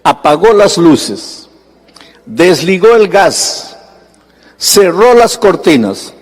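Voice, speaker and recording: Guy preaching a sermon, kinda high voice, tells stories and does the voices, big echoey hall. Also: sing-song, extremely slow, breathy edge. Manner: storytelling preacher, acting out dialogue with sudden high-pitched bursts. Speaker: pastor. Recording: long hall reverb.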